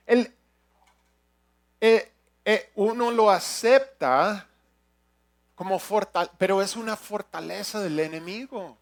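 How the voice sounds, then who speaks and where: A man preaching in a high, bright-pitched voice. He speaks slowly and deliberately, pressing each point home with earnest emphasis. His loudness climbs and drops as he leads his congregation. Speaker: pastor. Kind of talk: sermon.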